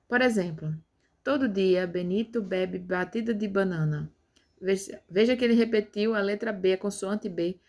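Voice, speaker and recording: A woman teaching a grammar lesson, explaining patiently step by step. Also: mid-range voice. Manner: explains step by step with tag questions.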